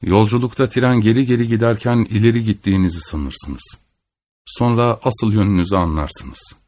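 A male audiobook narrator reads a literary text in a measured, solemn style. His voice sits low. The recording is dry and close, with no room sound. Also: darkish tone, no room sound.

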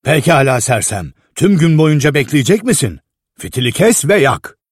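A man voicing a harsh, cursing male mine foreman who barks orders, in a husky voice, in a read-aloud story. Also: on the high side, sing-song, normal speed, no echo, studio quality, pitched above the performer's own voice. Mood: furious. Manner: shouting, barking orders. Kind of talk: audiobook reading.

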